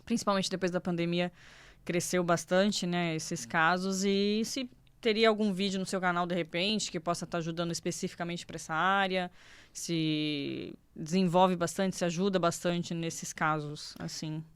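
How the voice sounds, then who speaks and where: Smooth, low-voiced Brazilian woman host. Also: fairly even intonation, normal speed, no room sound. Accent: Brazilian Portuguese. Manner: attentive, many affirming "uhum" and "legal". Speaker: podcast host, holistic psychotherapist. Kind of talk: podcast interview.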